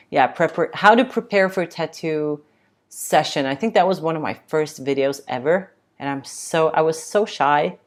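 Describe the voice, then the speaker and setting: A young woman hosting a casual livestream chat, reading out comments and rambling with many fillers and restarts. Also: low-pitched. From Sweden. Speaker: tattoo livestream host.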